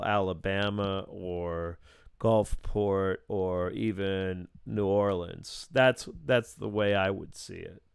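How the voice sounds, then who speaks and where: A man's voice: fairly low pitch, clear, resonant tone, no room sound, clean studio sound. A man giving an informal, unscripted weather forecast as an amateur, thinking aloud in a plain-spoken, opinionated way. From Southeast Florida, US.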